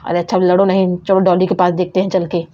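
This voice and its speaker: A woman voicing a young father who scolds and calms his wife in a doll story, in a lowered voice. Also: fast, natural voice. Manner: scolding, soothing by turns. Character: calm, dismissive young father of the family. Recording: dull lo-fi sound.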